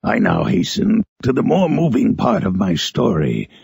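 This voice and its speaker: A man voicing Frankenstein's monster, a lonely, eloquent man-made creature, in a solemn, harsh storybook narration with drawn-out phrasing. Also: medium pitch, huge pitch swings, a little mellow, no room sound, studio quality, full character voice. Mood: somber, reflective. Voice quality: harsh, gravelly, raspy. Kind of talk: dramatic audiobook narration in character.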